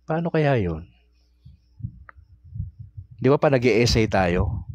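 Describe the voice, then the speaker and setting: A man's voice: medium pitch, very animated, slow pace, a little mellow, dry recording. A Filipino man teaching religion in a casual, conversational way, often asking his audience questions. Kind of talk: casual talk-style teaching.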